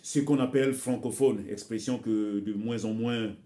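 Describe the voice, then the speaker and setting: A man from Congo whose first language is Bembe records an impassioned direct-to-camera vlog, exhorting his viewers and calling them brothers and sisters. His mellow voice is on the low side, with a steady tone and normal speed, and he repeats words while searching for phrasing.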